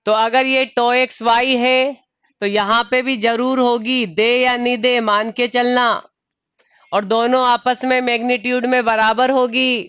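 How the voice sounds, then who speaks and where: A man's voice: very high-pitched, flat delivery, a little slow, a bit bright, clear, resonant tone, no room sound, muffled recording. A man teaching a live online engineering class, calling on students by name, addressing them as dear and patiently repeating his questions. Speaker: online exam tutor.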